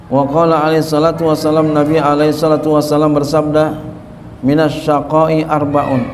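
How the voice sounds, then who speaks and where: A man with a fairly high, level voice at moderate pace preaches conversationally on a religious text, teasing the congregation with asides. Long hall reverb and faint ambient noise fill the recording.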